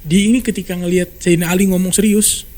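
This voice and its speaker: Brisk, animated man. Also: high-pitched. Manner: brisk, animated retelling with quoted dialogue. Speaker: storyteller guest. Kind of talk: casual podcast storytelling.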